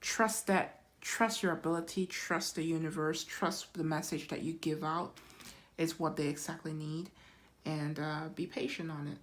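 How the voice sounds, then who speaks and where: A woman giving a pick-a-card tarot reading in an unhurried, reassuring way, often checking in with "right?" and filling pauses with "um". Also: deep voice, fairly even intonation. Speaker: tarot reader.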